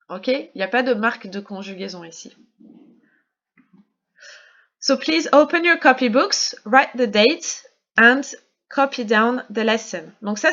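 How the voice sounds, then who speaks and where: French lady teaching english over a video, spells things out slow then chats through it quick, bit muffled lo-fi sound. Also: fairly high pitch, fairly bright tone. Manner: slow, deliberate drilling of English model sentences, then brisk French explanation. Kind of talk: recorded online lesson for middle-school pupils.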